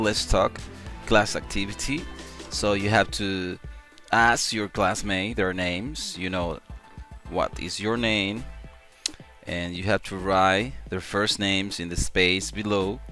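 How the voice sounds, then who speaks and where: A male English teacher walks beginners through simple grammar, speaking slowly and repeating each example sentence. His voice is bright and a little low. Faint music sits under the lesson. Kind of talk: slow classroom-style grammar lesson.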